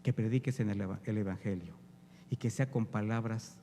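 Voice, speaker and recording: A man delivers a sermon from the pulpit, his mellow voice climbing to loud exhortation and then falling to hushed, earnest appeals. The sound rings out with the long reverb of a church hall. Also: fairly low pitch, fairly quick, a little hiss or hum. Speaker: preacher.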